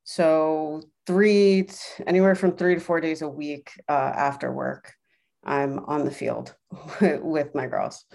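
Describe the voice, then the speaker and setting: A woman with a fairly low voice, talking casually as a guest on a podcast. She tells her own story in a conversational interview style. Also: fairly even intonation, takes it slowly, gravelly, a little mellow.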